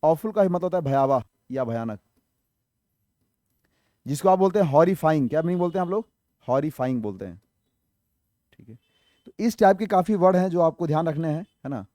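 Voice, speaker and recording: A man's voice: on the high side, lively intonation, fairly quick, pauses often, mellow, dry recording, clean studio sound. A man teaching English vocabulary for an exam, explaining each word, spelling some letter by letter, and asking his viewers questions that he answers himself. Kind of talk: exam-prep vocabulary lesson.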